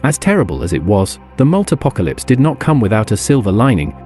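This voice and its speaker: Lively male storybook narrator. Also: on the low side, fast, soft background music. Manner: expressive, lively reading.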